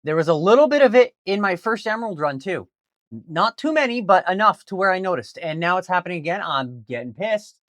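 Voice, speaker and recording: Animated man commenting on a video game. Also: high-pitched, fast, dry recording. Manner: animated, talks to the game, swings between grumbling and excited. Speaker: gaming channel host. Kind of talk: let's play commentary.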